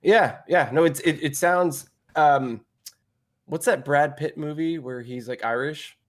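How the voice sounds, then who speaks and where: A man's voice: on the high side, unhurried. A Canadian man co-hosting a podcast in casual chat, laughing often and stumbling through restarts. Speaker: podcast co-host.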